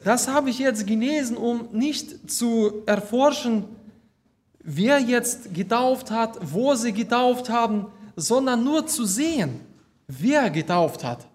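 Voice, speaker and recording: A man preaching a sermon, reading Bible verses aloud and explaining them slowly and deliberately, with some hesitations. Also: very high voice, lively intonation.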